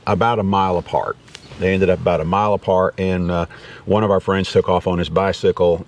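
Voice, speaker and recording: With a low, slightly mellow voice on a distant mic, an American man chats about gear in an unscripted, casual review vlog. His delivery is folksy and rambling, and background noise is clearly present.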